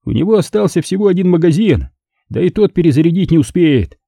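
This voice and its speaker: A man voicing a calm, composed man who talks evenly and unhurriedly, in an audiobook. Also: high voice, fast talker, vocal fry, no room sound, studio quality, voice pushed up, full character voice. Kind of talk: audiobook character voice.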